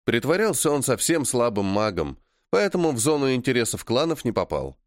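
A man reading a first-person fantasy audiobook in a measured, matter-of-fact way. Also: medium pitch, very animated, no room sound, clean studio sound. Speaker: audiobook narrator.

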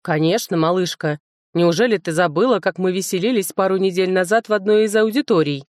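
A woman reading an audiobook and voicing a brash, amorous young man who is a dragon shifter, with a deep bass voice and a slow, pushy, teasing manner. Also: a little mellow, dry recording, clean studio sound, close to an everyday voice.

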